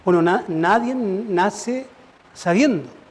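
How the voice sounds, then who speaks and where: Man, pastor, high voice, sermon, conversational, rhetorical questions. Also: lively intonation, slow pace. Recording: church service.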